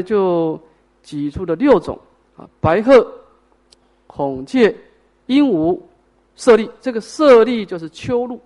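A man teaching a Buddhist sutra, explaining each point step by step and answering his own questions. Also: high-pitched. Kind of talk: sutra lecture.

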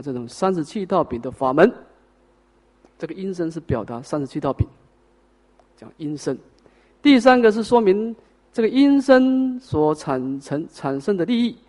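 High-voiced man giving a sutra lecture. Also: big pitch swings, normal speed, a little mellow. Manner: explains step by step, asks and answers own questions, trailing particles. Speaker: Buddhist teacher.

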